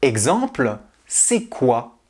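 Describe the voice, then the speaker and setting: Language teacher, scripted lesson narration, unhurried and melodic, deliberate delivery of examples. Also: medium pitch, big pitch swings, darkish tone. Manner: deliberate, reads out example questions and answers.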